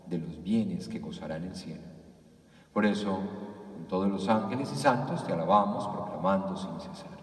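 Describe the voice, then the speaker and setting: A man's voice: on the low side, a little mellow. A male priest, intoning the prayers of Mass solemnly and evenly, his voice ringing with cathedral echo. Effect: cathedral echo, heard from afar. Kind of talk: liturgical prayer. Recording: echoey church hall, distant mic.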